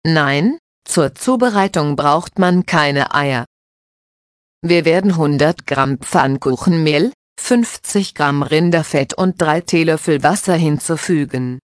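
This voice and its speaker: A woman voicing a patient mother who calmly explains cooking steps to her children. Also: deep voice, slow, dry recording, studio quality. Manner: calm, instructive.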